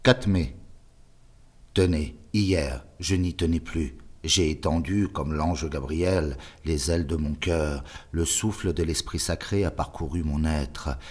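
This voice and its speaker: A man's voice: very deep voice, slow, a little mellow. A man giving a theatrical dramatic reading of a literary story with lingering delivery. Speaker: reader.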